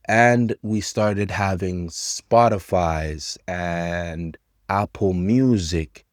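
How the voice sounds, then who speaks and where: A man in his thirties teaching English to learners, talking about technology in slow, simple sentences with pauses. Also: low-pitched, no echo, clean studio sound. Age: 30s.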